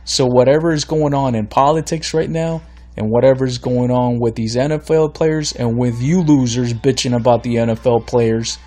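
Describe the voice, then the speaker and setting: This is a solo podcast rant from a Floridian host who is losing his voice yet keeps complaining bluntly and in exasperation. He talks at a moderate pace in a mellow, mid-range voice.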